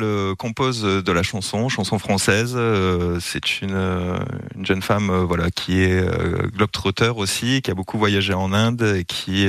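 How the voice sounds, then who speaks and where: A man speaking on a radio show as a guest, pausing often and filling gaps with filler sounds and restarts. His voice sits fairly low. The sound is close and dry. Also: a bit bright, no echo. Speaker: guest, venue communications manager. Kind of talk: radio interview by phone. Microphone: phone line.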